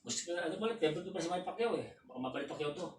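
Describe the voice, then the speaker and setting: A Filipino man coaching a patient through exercises, counting reps aloud and shouting cheers. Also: fairly high pitch, expressive, very fast. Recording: roomy, distant, faint room noise.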